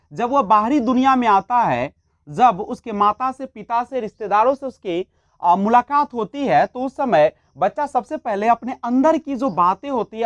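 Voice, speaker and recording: A woman's voice: fairly high pitch, dry recording. A woman teaching a child-development lesson for a teaching exam, asking questions and answering them herself, mixing English terms into her speech. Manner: mixes English terms into Hindi. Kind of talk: exam-prep lecture.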